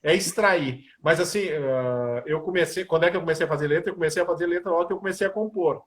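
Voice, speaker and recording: A man's voice: a little high, quick pace. A man, a musician and composer, talking casually in an interview and telling stories. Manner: animated storyteller, sings snippets of lyrics.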